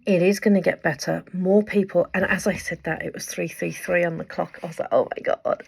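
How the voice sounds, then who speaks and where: A woman talks straight to her viewers in a heartfelt weekly update. Her voice sits low and has a gravelly, fried edge. She speaks with fervent conviction and trails through plenty of ums. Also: steady tone, a little fast. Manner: earnest, impassioned, rambling with fillers. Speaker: vlogger and writer. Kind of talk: direct-to-camera weekly update.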